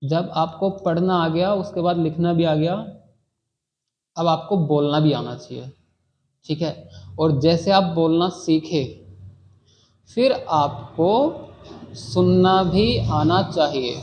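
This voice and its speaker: A man with a fairly high, darkish voice speaks slowly, leaving long pauses. He teaches a beginners' English class with patience and repetition, repeating key words and often checking in with students by saying "ठीक है". The classroom lesson comes through as dull, lo-fi audio.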